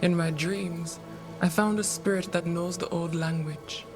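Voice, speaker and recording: A solemn, oracular seer from a fantasy video game speaks cryptic lines in grave, measured phrases. The voice is high for a man and holds a steady tone, with music clearly audible beneath it.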